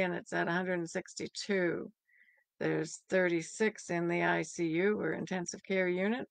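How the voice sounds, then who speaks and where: An older woman giving a church's daily devotion from a home office, reading numbers and scripture in a plain, steady way over a webcam. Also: medium pitch, vocal fry, dry recording. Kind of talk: daily devotional and local news update. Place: home office by a bright window. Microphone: webcam at desk.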